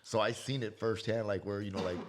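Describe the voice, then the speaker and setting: Man, low voice, podcast co-host, easygoing, casual swearing. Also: fairly even intonation, fairly quick, a little hiss or hum.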